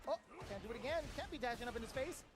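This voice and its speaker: A man's voice: extremely high pitch, expressive, rapid-fire, music in the background. A man commentating a fighting game tournament live, joking and slangy.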